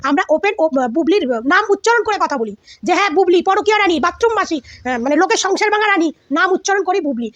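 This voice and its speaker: Rapid-fire high-voiced woman ranting. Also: lively intonation, a bit bright, no echo, muffled recording. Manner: heated, scolding, repetitive and insulting. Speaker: vlogger. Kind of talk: ranting celebrity gossip commentary.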